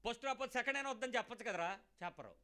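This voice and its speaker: Bright-voiced preacher. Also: male voice, very high voice, animated, very fast. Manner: emphatic, rhetorical questioning. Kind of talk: Telugu sermon.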